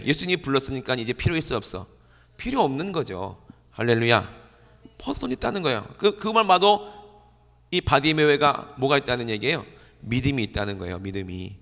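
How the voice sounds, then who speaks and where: A male pastor preaching a sermon, animated, asking the congregation questions and answering them himself. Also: mid-range voice. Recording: church hall reverb.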